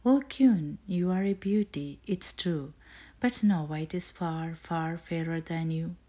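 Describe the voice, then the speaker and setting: A woman reading a bedtime story, voicing a magic mirror that speaks slowly and solemnly. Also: lowish voice, dark tone.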